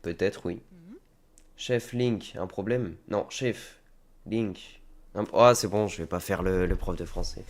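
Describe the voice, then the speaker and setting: A man's voice: sits low, moderate pace. A man with a head cold casually chatting to viewers while streaming a game. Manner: chatty, rambling, talks to viewers. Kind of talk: casual let's-play commentary. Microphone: desk microphone.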